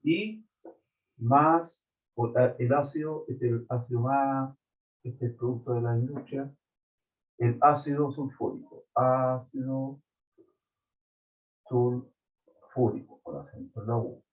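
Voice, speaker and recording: A man teaching chemistry at an unhurried pace. He walks through each step and keeps checking that his students follow. His voice comes over a thin, phone-like video call line. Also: mid-range voice, breathy edge. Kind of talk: online class lecture.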